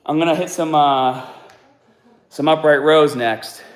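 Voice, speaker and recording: A man's voice: fairly high pitch, fairly even intonation, a little slow, roomy sound. A man in his forties hosting a casual fitness live stream while working out, slightly sick and out of breath, reading chat aloud with laid-back sighs. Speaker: fitness channel host. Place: home gym.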